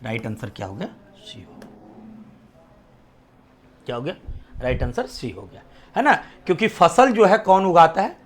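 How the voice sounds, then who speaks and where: A man with a Bihari Hindi accent teaches an exam-prep lesson in a high-leaning, very animated voice at a moderate pace with long pauses. He quizzes students, echoes their answers back as questions, and drops nearly to a whisper on the answers.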